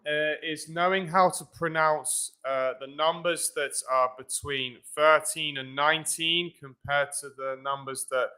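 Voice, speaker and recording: A man gives a live English pronunciation lesson, speaking slowly and deliberately. His voice is bright and crisp, with a clean, smooth tone. He keeps checking in with his viewers and calls them "guys". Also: mid-range voice. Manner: informal, repeats "right?" and "guys", many fillers. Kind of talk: live-streamed lesson with screen share.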